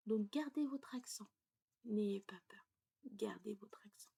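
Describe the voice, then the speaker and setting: A woman teaching French pronunciation in a casual lesson, explaining step by step, often dropping to a breathy half-whisper and checking in with "ok?". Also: medium pitch, mellow. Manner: slow, deliberate delivery.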